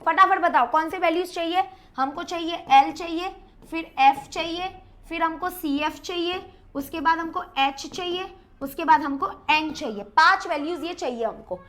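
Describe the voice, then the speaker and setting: Female math tutor, bright high voice, quick classroom delivery, drops in English terms. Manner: brisk, counts aloud and quizzes the class; mixes English terms into her talk. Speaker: math teacher. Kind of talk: whiteboard math lesson.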